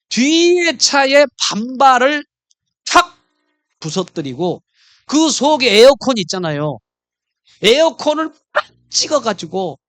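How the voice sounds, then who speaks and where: A middle-aged man preaches from the pulpit, turning a personal story into lively acted-out dialogue. His voice rises and falls across a wide pitch range. The sound is close and dry, with no room echo. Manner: animated storytelling, acting out quoted dialogue. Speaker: pastor.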